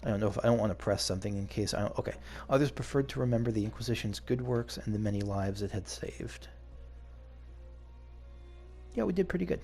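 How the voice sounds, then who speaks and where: Over game music, a man comments on his video game playthrough, thinking aloud casually and reading on-screen story text dramatically. His lowish voice is animated, a little mellow and fairly quick.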